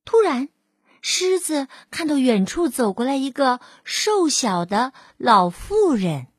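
A woman narrating a children's storybook in an expressive, drawn-out manner. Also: high voice, husky, no echo, clean studio sound.

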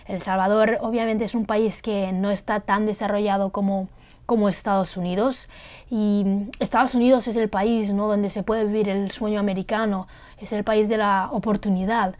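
A woman hosts a podcast interview in a smooth, clear voice of middle pitch. She asks her questions and explains terms for the listeners as she goes. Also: fairly even intonation, moderate pace, darkish tone. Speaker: podcast host.

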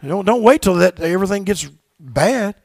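A man preaching from a church pulpit, his very high voice rough with gravel. He shouts his exhortations and drops to low, quiet asides, and he calls on the congregation to say lines back with him. The sound is close and dry. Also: expressive, moderate pace, no room sound. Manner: call-and-response with the congregation. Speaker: pastor. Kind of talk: sermon. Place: church sanctuary.

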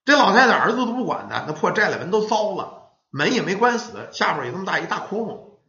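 Male storyteller, lively pitch, lo-fi echoey sound. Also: fast, gravelly. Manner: folksy storyteller acting out children and parents. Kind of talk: spoken ghost story telling. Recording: roomy, dull lo-fi sound.

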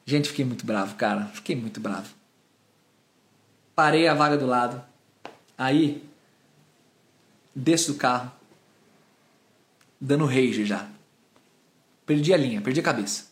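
A man's voice: medium pitch, unhurried, pauses often. A Brazilian man in his thirties preaching, telling a personal story with acted-out scenes and sound effects. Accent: Brazilian Portuguese. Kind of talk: storytelling sermon with a confession. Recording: roomy echo.

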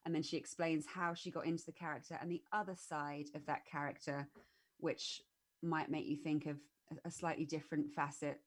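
A woman's voice: deep voice, little pitch movement, fairly quick. A woman co-hosting a casual podcast, giving blunt, sweary opinions on a TV series. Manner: blunt and sweary, laughs easily. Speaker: podcast co-host. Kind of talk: casual podcast film review.

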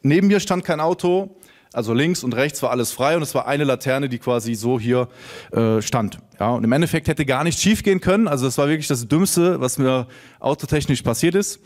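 A man's voice: medium pitch, brisk, darkish tone. A young adult man speaking on a microphone to a live seminar audience, casual and chatty, full of fillers, telling anecdotes to the room.

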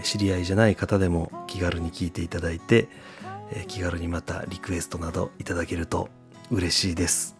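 A man hosting a casual solo radio show, talking in a relaxed, chatty way and often pausing on "um". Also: low voice. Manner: relaxed and chatty, frequent "um" fillers. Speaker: podcast radio host. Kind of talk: casual solo radio talk answering a listener letter.

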